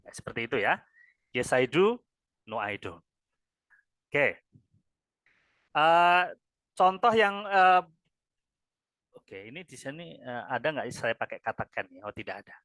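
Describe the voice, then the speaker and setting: A man's voice: mid-range voice, very animated, measured pace, pauses often, a bit bright, dry recording. A man with an Indonesian accent teaching English grammar to a class, ending nearly every phrase with "ya" and drilling answers. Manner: repeats "ya" after each phrase, drills answers with students.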